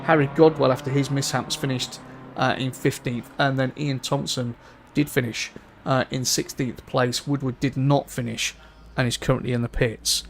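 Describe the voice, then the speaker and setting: A man's voice: medium pitch, flat delivery, normal speed, creaky, a little hiss or hum. A man, commentating a sim racing event live in a chatty, rambling way and laughing easily. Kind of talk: live esports race commentary.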